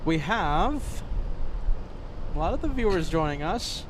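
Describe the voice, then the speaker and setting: A man's voice: a little high, very animated, a little slow. A man hosting a casual livestream, chatting and thanking viewers by name, often repeating himself. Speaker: livestream host. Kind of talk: casual live chat, reading out viewer comments. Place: outdoors by an airport. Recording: outdoors with clear traffic and vehicle noise.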